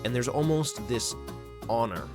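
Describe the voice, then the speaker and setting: A man's voice: mid-range voice, lively intonation, measured pace. A man giving casual, enthusiastic game review commentary, swearing now and then. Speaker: gaming commentator. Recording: voice-over with clear background music.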